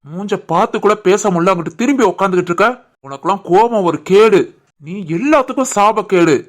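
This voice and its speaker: A woman voicing an earnest, soft-hearted young husband and son in an animated family drama, with a Tirunelveli Tamil accent. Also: medium pitch, a little fast, lightly acted. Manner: earnest, pleading.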